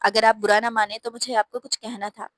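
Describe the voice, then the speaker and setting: A woman's voice: fairly high pitch, level tone, a little fast, a bit bright, dry recording, close to an everyday voice. A woman reading a storybook aloud and voicing a bold, cheeky young man. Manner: forthright, complaining.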